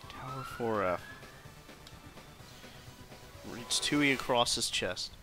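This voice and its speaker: A man streams a video game, commenting in an informal, sweary way over game music playing behind him. His voice is mid-range at a normal speed.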